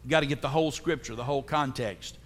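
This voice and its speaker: Joking pastor in an echoing church. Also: male voice, medium pitch, quick pace. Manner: humorous, calls out to the congregation. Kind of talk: sermon. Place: church sanctuary. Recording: long echoing church reverb.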